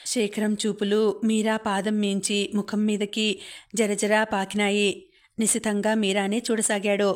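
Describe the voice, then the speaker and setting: A woman reading a novel aloud as an audiobook narrator, in a calm, even storytelling manner. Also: medium pitch, unhurried. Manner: calm, even storytelling, quoting characters without acting them.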